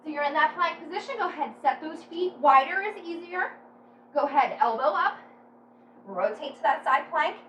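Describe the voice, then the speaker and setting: A high-pitched woman coaches a home workout with brisk, encouraging cues. She sounds energetic as she instructs and demonstrates. The recording is echoey, picked up at some distance from the microphone. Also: muffled recording, a little hiss or hum.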